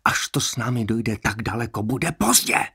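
A gaunt, stubborn prisoner pressing his friend with low urgency, as a male narrator plays him. His voice is gravelly and husky, recorded dry and close. It sounds like a storybook reading. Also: very animated, dry recording, heavily acted. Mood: urgent. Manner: urgent, hushed. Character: starving, stubborn man prisoner, quietly urgent.

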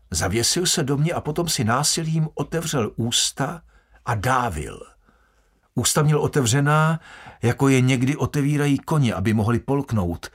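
A man reading a first-person audiobook in a measured, grave storytelling manner. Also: medium pitch, slightly rough. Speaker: audiobook narrator.

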